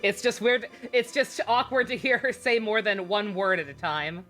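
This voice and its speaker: A woman's voice: mid-range voice, fairly even intonation, moderate pace, a bit bright, soft background music. A woman giving casual, sardonic, joking commentary while streaming a video game.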